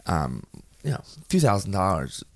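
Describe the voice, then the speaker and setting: A man with a very deep voice talks through his stories as an interview guest, loose and animated, full of "like" and quick restarts. The sound is close and dry, with no room around it. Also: creaky, no echo. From United States. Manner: animated, many fillers and restarts. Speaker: guest, performer and host. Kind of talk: casual interview storytelling.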